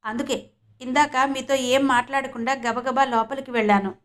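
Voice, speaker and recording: A woman voicing a patient young husband who explains things calmly and reassures, in an audiobook reading. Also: high voice, moderate pace. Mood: explaining. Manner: calm, reassuring.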